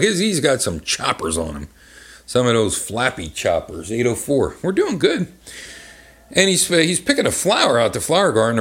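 A man hosting a comedic live reading of a children's book in a bar, rambling into crude asides with many fillers. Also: on the low side.

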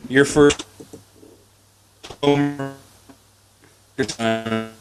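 A man's voice: medium pitch, fairly even intonation, soft background music. Man on a breaking-up call line. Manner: rambling, halting delivery. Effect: breaking-up online call connection. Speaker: podcast co-host. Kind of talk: casual chat retelling a film.

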